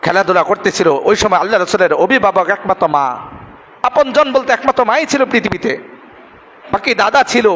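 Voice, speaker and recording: A man's voice: high-pitched, a bit bright, in a large hall. A man giving a Friday sermon, telling a story dramatically and acting out the characters' words. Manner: dramatic storytelling, acts out quoted speech. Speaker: preacher.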